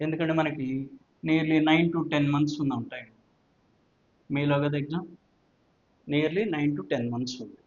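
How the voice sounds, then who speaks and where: A man's voice: on the high side, takes it slowly, long pauses, darkish tone. A male physics teacher with a Telugu accent talks students through exam prep, mixing Telugu and English and repeating points with check questions. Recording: dull, lo-fi audio.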